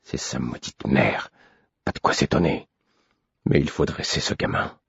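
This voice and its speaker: A man voicing a stern, bitter grown man who has been drinking, speaking with low menace that can flare into roaring anger. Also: fairly even intonation, a little slow, a little mellow, breathy edge, no echo, lo-fi sound. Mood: low muttering.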